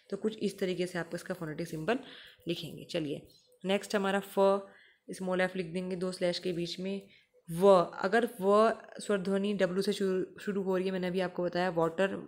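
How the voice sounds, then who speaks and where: A woman teacher, explaining English phonetic symbols and patiently repeating example words slowly. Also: lowish voice.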